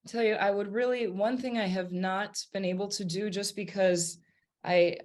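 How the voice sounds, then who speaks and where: A woman from Wisconsin, a jazz singer and pianist, telling a lively story in an interview and acting out the quotes. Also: fairly low pitch. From Wisconsin, USA. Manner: lively anecdotal, acts out quotes.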